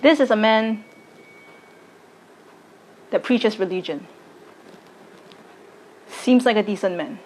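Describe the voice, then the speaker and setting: A woman, giving a slow, deliberate personal statement to camera. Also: mid-range voice, poor audio. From Singapore. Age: late 20s. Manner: slow, deliberate, measured delivery. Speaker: arts educator and content creator.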